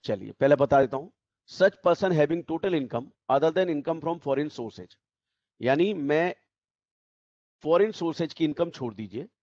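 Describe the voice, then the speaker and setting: A man's voice: a little high, animated, slow, a little mellow, dry recording, highs cut off. A male teacher giving an online tax class, explaining step by step and repeating the key points. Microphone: video call.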